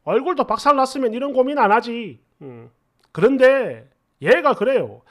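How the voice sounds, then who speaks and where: Man, very high voice, animated, exasperated storyteller. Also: moderate pace. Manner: conversational, exasperated, rhetorical asides. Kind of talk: narrating a reader-submitted story in first person.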